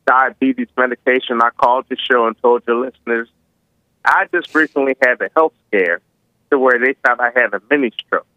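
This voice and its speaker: A man calling in to a talk show, speaking casually and haltingly with slightly slurred words and slushy s sounds. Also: medium pitch, no room sound. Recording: narrow tinny phone line.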